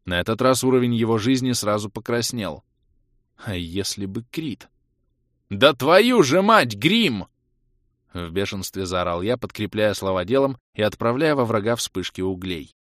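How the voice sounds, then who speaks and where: A man narrating a fantasy adventure audiobook in the first person, lively and acting out the dialogue. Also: fairly low pitch, moderate pace, no echo, studio quality. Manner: lively, acts out shouts and dialogue.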